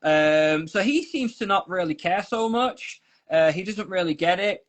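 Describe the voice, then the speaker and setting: A South Manchester man with a Manchester accent chats as a volunteer guest on a video call in a casual interview from Ukraine. His voice sits high, with lively intonation and an unhurried pace. He rambles, restarting sentences and drifting into asides.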